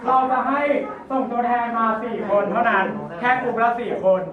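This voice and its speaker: A woman hosting a party game, loudly explaining the rules and repeating her instructions to a group. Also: fairly high pitch, moderate pace, a crowd in the background. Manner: loud and announcing, repeats instructions. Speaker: game host. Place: large indoor hall with a crowd. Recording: echoey hall from far off, dull and crowded.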